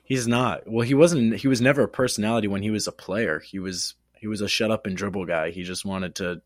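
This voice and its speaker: A man's voice: fairly low pitch, fairly quick, no echo, studio quality. A man co-hosting a casual sports podcast, teasing his partner and swearing casually. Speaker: podcast co-host.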